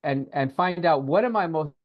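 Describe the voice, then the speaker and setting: A man co-hosting a casual podcast, talking in an animated, repetitive way and coaching a listener through a guided breathing exercise over a video call. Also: a little high, moderate pace, no echo, dull audio. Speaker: podcast co-host, spiritual teacher.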